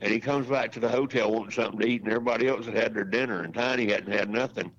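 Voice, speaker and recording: Speaking very fast in a lowish, slightly bright voice, a racetrack announcer in his sixties tells rambling, folksy anecdotes with restarts as a guest on a podcast. The casual storytelling comes through dull lo-fi audio with slight background noise.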